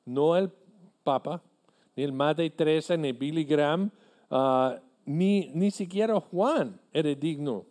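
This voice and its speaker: Slow, mellow-voiced male preacher. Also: on the high side. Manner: earnest, deliberate preaching with halting restarts. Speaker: pastor. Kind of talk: sermon.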